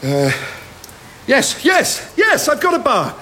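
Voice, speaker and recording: An actor playing a nervous, stammering young pilot in a radio sitcom. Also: male voice, extremely high pitch, huge pitch swings, slow, pushed and bright, a little hiss or hum, heavily acted. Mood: flustered. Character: timid, flustered young male pilot.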